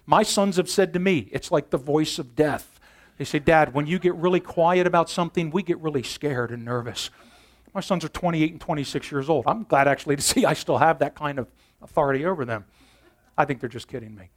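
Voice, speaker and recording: A man in his fifties preaching a sermon in a conversational way, moving between loud emphasis and quiet intensity. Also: on the high side, brisk. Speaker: pastor.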